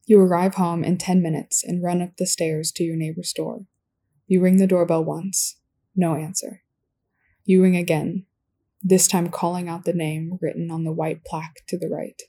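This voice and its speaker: A woman reading a scripted second-person story in a calm, even storytelling manner. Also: fairly low pitch, moderate pace, breathy edge. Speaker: narrator.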